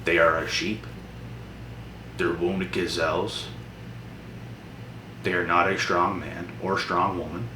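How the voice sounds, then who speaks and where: A man's voice: sits low, flat delivery, slow, pauses often. A young man giving a blunt, preachy motivational monologue to camera. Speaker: motivational vlogger. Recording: echoey room from a distance with noise.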